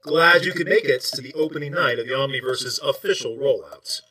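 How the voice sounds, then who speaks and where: A man playing a gleeful, theatrical villain boss in an audio drama, delivering a grandiose, booming monologue. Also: fairly even intonation, a little fast, pushed and bright, far from the mic, close to an everyday voice. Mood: gloating.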